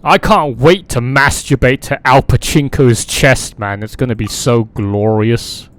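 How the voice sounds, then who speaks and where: A man with a medium-pitched voice talks a little slowly while chatting casually on a game livestream. He's blunt and mocking, swears often, and mixes casual chat with gaming commentary.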